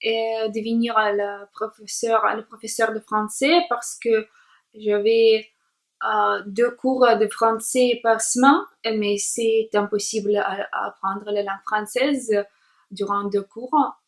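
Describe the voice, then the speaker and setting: In this self-introduction vlog, a young Latvian woman who grew up speaking Russian talks in a deliberate, learner's manner. Her slightly high voice keeps a level tone, and her slow delivery is full of hesitations and filler sounds while she hunts for the right words.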